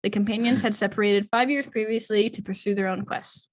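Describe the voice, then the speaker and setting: On a casual podcast with poor audio, a woman co-host reads a lengthy plot summary in a brisk, steady, mid-range voice. She fumbles unusual names and leans heavily on fillers.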